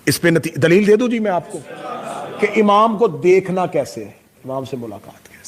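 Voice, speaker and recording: A man's voice: sits high, lively intonation. A middle-aged man preaching a sermon to a gathering, impassioned and full of rhetorical questions. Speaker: Shia cleric giving a majlis.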